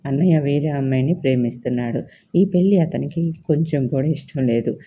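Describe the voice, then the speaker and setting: A man's voice: a little high, a little fast, lo-fi sound, slight background noise, close to an everyday voice. A storyteller voicing a frustrated young man who heatedly argues with his mother. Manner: heated, accusing, insistent.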